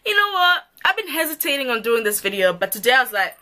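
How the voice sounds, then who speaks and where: Fast and sing-song, this young woman from Zimbabwe speaks in a high, pushed, bright voice with a Zimbabwean accent. She's a YouTuber filming a get-to-know-me vlog, joking with viewers and laughing a lot.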